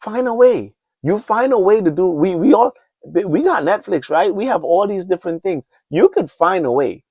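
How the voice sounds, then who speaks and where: This is an earnest man in his 50s from Trinidad and Tobago, rambling through an unscripted solo episode of his podcast with frequent restarts and urgent, preacher-style appeals. He has a high, husky, slightly mellow voice, animated and at a moderate pace, with no room sound.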